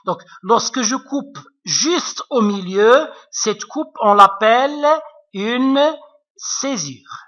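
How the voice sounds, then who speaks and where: A male teacher explains poetry slowly, his bright, forward voice stopping on fillers and checking in with his students. The sound is dull and lo-fi, with little top end. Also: very high-pitched, lively intonation. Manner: hesitant, many fillers, keeps checking understanding. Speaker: French literature teacher. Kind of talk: recorded online lesson. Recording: dull lo-fi recording.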